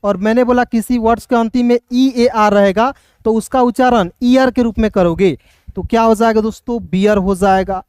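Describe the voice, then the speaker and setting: A man with a Hindi accent teaching English phonics, spelling words letter by letter and sounding them out slowly. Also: high-pitched, darkish tone, smooth, no room sound, studio quality. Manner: slow, repeats words, checks with listeners.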